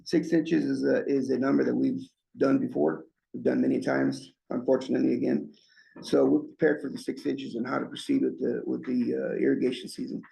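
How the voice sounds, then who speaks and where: A man's voice: mid-range voice, little pitch movement, fairly quick, vocal fry, warm tone, low-quality recording. A man with slightly impeded speech from a swollen lip gives an informal, folksy update at a meeting as a staff presenter. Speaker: irrigation district staff presenter.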